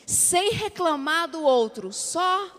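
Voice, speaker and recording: A woman's voice: on the high side, a little slow. A woman with a Brazilian Portuguese accent preaching a sermon, drawing the congregation into call-and-response and acting out everyday dialogue. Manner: lively, acts out everyday dialogue. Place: church sanctuary. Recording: long church hall reverb.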